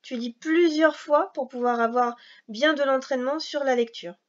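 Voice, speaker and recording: A woman with a voice that sits high records a reading lesson for young children. She explains everything slowly and patiently, one step at a time, and the recording has its highs cut off.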